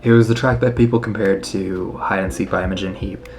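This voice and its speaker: A man giving casual, excitable reaction commentary on an album, emphatic and swearing freely. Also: low-pitched, brisk. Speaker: music reaction host. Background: faint music playing.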